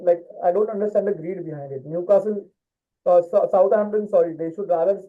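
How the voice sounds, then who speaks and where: A man's voice: sits high, a little fast. A man co-hosting a casual football chat, talking with many fillers and restarts. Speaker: podcast co-host. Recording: tinny phone-like line.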